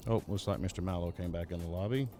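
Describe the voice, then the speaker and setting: Man, low mellow voice, casual joking esports host. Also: quick pace, faint music behind. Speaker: race event host and commentator. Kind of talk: live esports commentary.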